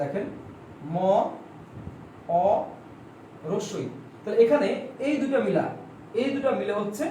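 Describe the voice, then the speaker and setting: High-voiced man teaching from off-mic. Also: darkish tone, distant mic. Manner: repetitive, quizzes listeners with questions and answers them himself; stretches out example words to model pronunciation. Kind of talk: online exam-prep lecture. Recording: echoey room, voice a bit off-mic, faint background noise.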